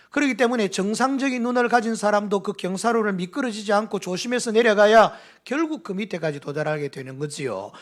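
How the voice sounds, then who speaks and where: A middle-aged man with a Gyeongsang accent preaching a sermon, acting out dialogue in dialect. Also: high-pitched. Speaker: pastor.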